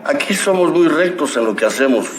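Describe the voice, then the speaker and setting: A man's voice: fairly high pitch, animated, fairly quick, lightly acted, low-quality recording. An actor voicing a bossy, teasing male police chief in a cartoon, commanding and playful, with music behind him. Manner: commanding, playful, wordplay on a name. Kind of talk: cartoon voice acting.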